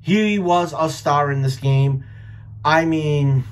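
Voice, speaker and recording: Slow-paced and on the high side, this man's voice delivers casual, blunt post-game reactions laced with swearing. He's a Rhode Island sports vlogger and baseball fan in his thirties, filming on a webcam in a small furnished room in his home.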